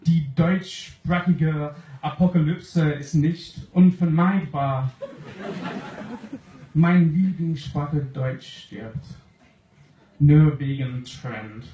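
A young Englishman with an English accent reads comic verse in a language that is not his first, slow and deliberate, his voice pitched slightly high. He stands at a stand mic on a small club stage and is filmed from the crowd. The sound is roomy, with faint noise underneath. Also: warm tone, muffled recording. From England. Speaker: poetry slam performer. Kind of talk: comic poetry reading.

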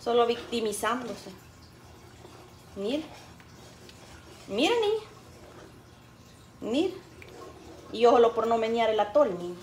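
A woman's voice: a little high, sing-song, takes it slowly, long pauses, a little mellow. A woman, chatting in a folksy, teasing way while she cooks. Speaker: cooking vlogger. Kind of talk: casual cooking chat. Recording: roomy, faint background noise.

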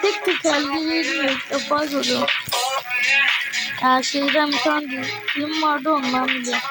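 High-voiced teen girl, chatty gamer who gets worked up fast, music in the background. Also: poor audio. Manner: excitable, easily frustrated, chatty. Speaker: gaming video creator. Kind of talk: casual gameplay commentary. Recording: music playing behind the voice.

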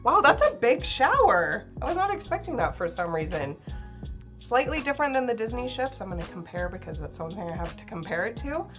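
A woman in her thirties giving a casual, gushing tour of a small cruise ship cabin, with lots of excited exclamations. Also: a little high, a little fast, over music. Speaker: travel vlogger.

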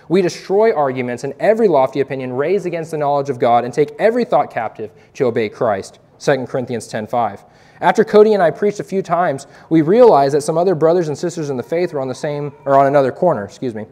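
A man's voice: on the high side, darkish tone. A young man and evangelist giving an earnest, preacherly testimony to a youth group, quoting scripture as he speaks.

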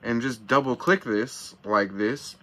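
Speaking slowly in a sharp, medium-pitched voice, a thirtysomething man reviews a product from his small camper van, close to the camera. He's hyped, profane and slangy, and there's slight background noise.

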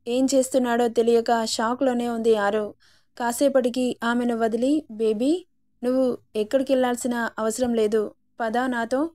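Female storyteller, high, mellow voice, steady reading-aloud narration.

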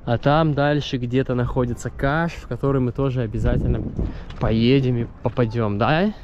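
Walking and talking at a seaside harbor, this travel vlogger in his thirties keeps up a rambling, chatty commentary into a camera held at arm's length. His medium-pitched voice moves at a normal pace with fairly even intonation. The recording is muffled, with wind and street noise outside.

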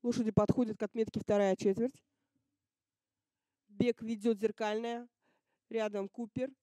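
Woman doing horse race commentary, short clipped calls, soft mellow tone, kinda high voice. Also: flat delivery, measured pace, dry recording. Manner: terse announcements in short phrases. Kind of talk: live harness racing commentary.

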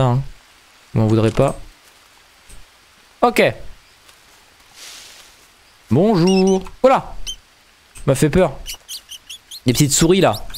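A young man hosting a video game playthrough in casual commentary, excitable and stumbling over his words. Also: medium pitch. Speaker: gaming video host. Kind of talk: casual let's-play commentary.

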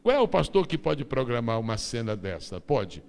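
A male pastor preaching with animated, scene-acting storytelling. His mid-pitched voice has a gravelly edge, and it rings through a long church reverb. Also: moderate pace. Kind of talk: sermon.

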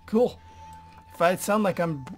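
A man's voice: mid-range voice, normal speed, soft background music. A man giving let's play commentary on a horror game, jumpy and nervous, swearing and often dropping to whispers near his microphone. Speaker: gamer playing a horror game. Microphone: desk microphone.

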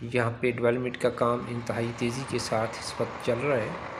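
A man, a real estate agent narrating a site tour from a moving car in a steady promotional tone. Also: medium pitch, normal speed, background noise. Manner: steady promotional commentary, lists sectors.

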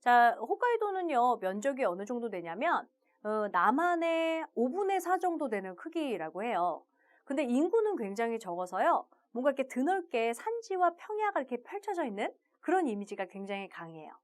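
A woman teaching a video language lesson, upbeat and chatty, opening her phrases with a bright "자". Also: a little high, big pitch swings, moderate pace.

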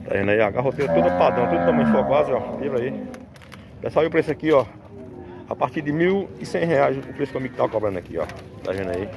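Gravelly and fast-talking, this Northeast Brazilian farmer has a mid-range voice with lively intonation as he films a casual tour of an outdoor cattle market on his phone. He keeps dropping "né" and "pessoal" as chatty tag questions, while cattle and vehicles make noise around him.

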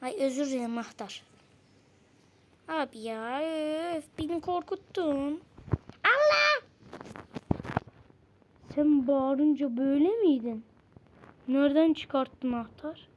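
Young woman, very high voice, excitable, repeats words, casual game-play chat, faint background noise. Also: measured pace, poor audio. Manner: excitable, repeats words in bursts, yelps when startled. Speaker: gamer playing with a friend.

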